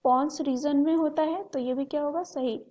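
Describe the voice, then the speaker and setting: A woman explaining a biology exam question step by step. She asks herself rhetorical questions and answers them, repeating key terms slowly. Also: high voice, steady tone, a little mellow, dull audio. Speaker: biology teacher. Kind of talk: exam solution walkthrough.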